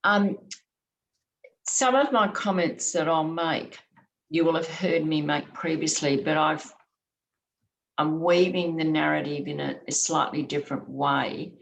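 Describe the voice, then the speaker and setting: An Australian woman presents an academic conference talk over a video call late at night, her voice scratchy. She speaks in a measured way with frequent ums and restarts, and her voice sits low with vocal fry.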